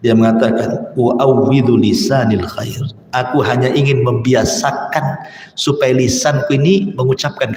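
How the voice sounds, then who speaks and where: A man preaching a sermon, telling anecdotes in a lively way and mimicking the voices of the people in his stories. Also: mid-range voice. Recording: echoey hall with long reverb.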